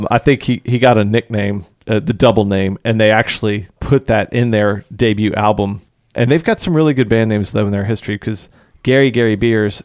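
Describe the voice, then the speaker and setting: A man's voice: lowish voice, darkish tone, no room sound. Laughing man in a dry, close room. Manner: jokey, laughs often. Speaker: podcast co-host. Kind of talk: casual music chat.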